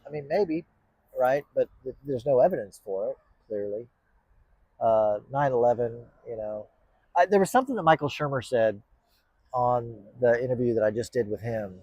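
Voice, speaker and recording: A man's voice: medium pitch, darkish tone, husky, no room sound. A man hosting his own channel, talking casually to the camera in a rambling, hesitant way with many fillers and restarts. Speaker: podcast host. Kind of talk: casual vlog talk to camera.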